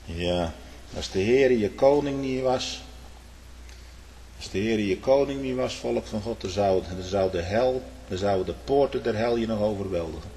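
A male preacher delivers a sermon in a large church hall, his voice carrying on a long reverb. He surges into loud, high-pitched exclamations and then sinks to hushed, low remarks. He turns to his listeners with a questioning "hm?" and speaks directly to the young people in the pews. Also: moderate pace, a little hiss or hum. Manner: swings between loud high outbursts and low quiet asides; tags lines with a questioning "hm?".

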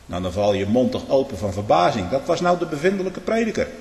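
Fervent lay preacher, male, animated pitch, swings between booming and hushed, big reverberant hall. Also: fast, a little hiss or hum. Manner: impassioned, swings from loud to hushed, repeats tag questions. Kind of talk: fervent religious testimony. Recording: echoey hall with long reverb.

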